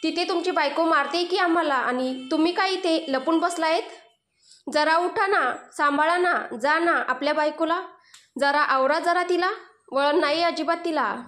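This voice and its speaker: Woman doing a scared whiny young guy, high voice, roomy echo. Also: normal speed, fairly bright tone. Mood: complaining. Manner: whiny, pleading and complaining. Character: panicked young man, beaten and whining.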